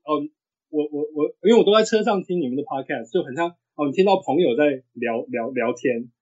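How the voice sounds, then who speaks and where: A man in his thirties with a husky voice, chatting casually as a sports podcast guest. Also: on the high side, expressive, fairly quick, a little mellow. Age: 30s. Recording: dull, lo-fi audio.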